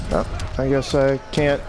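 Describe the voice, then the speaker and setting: A man casually commentating on his own video game match, an exasperated, complaining gamer who swears. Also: mid-range voice. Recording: clear game noise behind voice. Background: fighting video game sounds.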